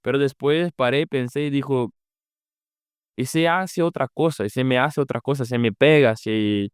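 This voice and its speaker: A young man from Brazil, a guest on a podcast who was once an exchange student, speaks Spanish in a mid-range voice at normal speed, with a clean tone. He is a native Portuguese speaker with a Brazilian Portuguese accent and sounds hesitant, often reaching for the right word. It's a dry, studio-quality recording.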